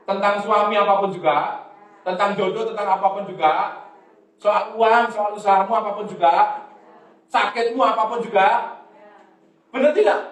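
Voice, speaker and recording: High-voiced preacher in an echoey hall. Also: male voice. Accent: Indonesian. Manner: lively preaching, coaxing the congregation to read aloud. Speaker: pastor. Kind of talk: sermon. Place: church hall. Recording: echoey church hall, mic at a distance.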